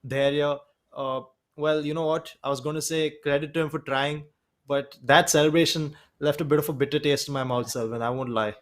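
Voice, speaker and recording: A man with an Indian English accent giving measured, analytical color commentary on an esports football match. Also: a little high, fairly even intonation.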